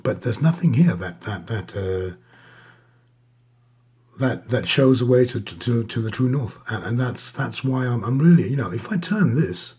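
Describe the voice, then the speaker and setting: A man giving a casual, hesitant watch show-and-tell, his voice husky, thick and strained from a sore, swollen throat. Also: medium pitch, animated, moderate pace, dark tone. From Denmark. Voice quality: husky, raspy. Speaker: watch reviewer.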